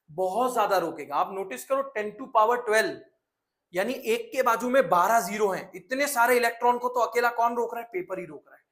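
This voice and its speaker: A male teacher giving an energetic exam-prep science lecture, mixing Hindi and English and asking and answering his own questions. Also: sits high.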